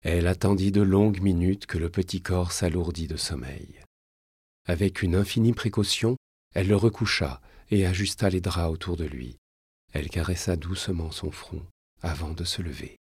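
Give me a man reading a novel aloud, husky voice, dead dry room. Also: low voice, darkish tone, no room sound. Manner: measured storytelling, dramatic. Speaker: narrator. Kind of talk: scripted narration of a historical novel.

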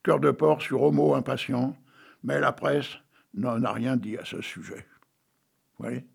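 An older man with a husky voice, rambling chattily to his viewers and reading out an absurd tale he wrote, tagging his phrases with "hein". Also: mid-range voice, measured pace. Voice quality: gravelly, husky voice. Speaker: amateur writer reading his own text. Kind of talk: rambling monologue with a read-aloud absurd tale.

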